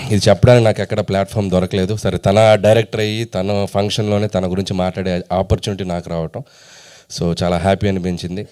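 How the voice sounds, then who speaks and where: A middle-aged man, a film director, giving a relaxed, friendly speech at a press event, mixing in English phrases. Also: low-pitched. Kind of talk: informal press meet speech.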